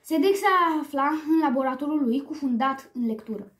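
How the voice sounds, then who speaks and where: Woman reading a kids story out loud, high voice, lively, echoey room.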